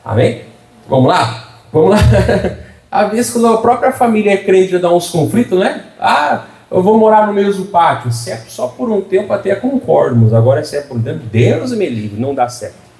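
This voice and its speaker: Middle-aged male pastor, folksy and joking, mellow tone, echoey church sound. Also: high-pitched, big pitch swings, normal speed, gravelly, far from the mic. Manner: humorous, folksy preaching with frequent call-and-response. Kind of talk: sermon.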